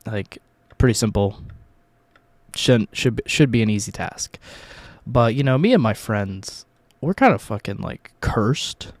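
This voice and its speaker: A man's voice: fairly low pitch, lively intonation, a little slow, pauses often, no echo. A young adult American man, hungover, telling a personal story in a casual, rambling, profanity-laden vlog style. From Virginia, United States. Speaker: YouTube host telling life stories.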